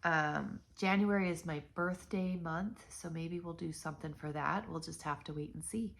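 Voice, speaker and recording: A middle-aged woman talks casually to her viewers, her voice nasal and stuffy from blocked sinuses. Her voice sits fairly low and has a gravelly fry running through it. She rambles, filling gaps with ums and restarting her sentences. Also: normal speed. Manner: rambling, chatty, with many ums and self-corrections. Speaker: knitting channel host.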